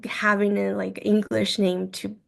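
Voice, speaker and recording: A woman in her twenties from China, a guest telling her story in a casual interview, talking in halting phrases full of "like" and quoted thoughts. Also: medium pitch, monotone, vocal fry. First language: Mandarin. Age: 20s. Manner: frequent "like" and "I was like" quoting, halting phrasing.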